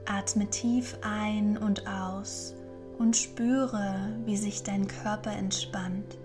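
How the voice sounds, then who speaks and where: Female meditation guide: soft breathy near-whisper, slow, level pitch, soothing. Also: fairly even intonation, music in the background. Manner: soothing, unhurried, gentle instructing. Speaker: podcast host and guided meditation leader.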